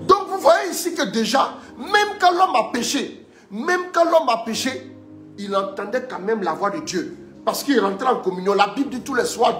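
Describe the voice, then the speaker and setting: A high-pitched man preaches in a reverberant space during a live-streamed teaching sermon. He is emphatic, repeats phrases, urges his listeners on, and has scripture read aloud.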